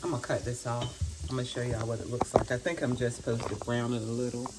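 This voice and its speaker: Woman, low voice, chatty home cooking vlog, talks to viewers as "y'all", loud sizzling pan behind her. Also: level tone, fast talker, very noisy. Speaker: home cook vlogger. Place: home kitchen. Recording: home kitchen audio with loud frying sizzle. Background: frying and sizzling in a pan.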